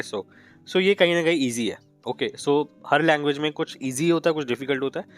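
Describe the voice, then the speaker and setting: A man teaching a beginners' language lesson in a patient, explanatory way, often checking in with "okay". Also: medium pitch. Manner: patient, repeats "ठीक है" and "okay" often. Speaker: Japanese teacher. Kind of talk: classroom lesson in Hindi mixed with English.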